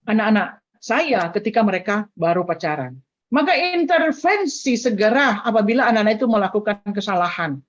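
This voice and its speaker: An older grandmother giving an earnest, advising talk on family life, with frequent fillers. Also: fairly high pitch. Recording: dull lo-fi sound.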